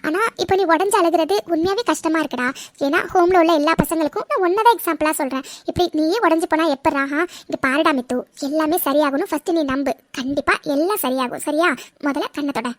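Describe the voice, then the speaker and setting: Caring orphanage mother, high dry voice, soothing, voiced by a woman. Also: quick pace, no room sound. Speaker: narrator voicing all figures.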